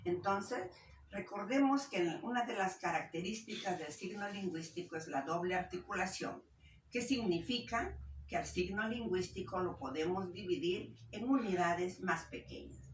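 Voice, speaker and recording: A woman teacher giving a language lesson, explaining slowly, splitting words into syllables and checking in with her pupils. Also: fairly low pitch. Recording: roomy echo, voice from a distance, faint background hiss.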